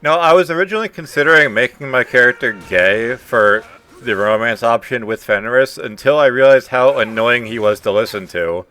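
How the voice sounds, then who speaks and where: A man's voice: medium pitch, moderate pace, bright, forceful tone. A man streaming a game, commenting casually and wryly on his play. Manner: wry, self-mocking.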